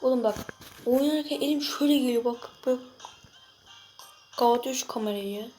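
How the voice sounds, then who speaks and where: A young girl chatting excitedly to viewers while she plays a mobile game, reacting loudly to each moment. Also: high-pitched, brisk, poor audio. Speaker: gaming video creator. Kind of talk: casual gameplay commentary. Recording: music playing behind the voice.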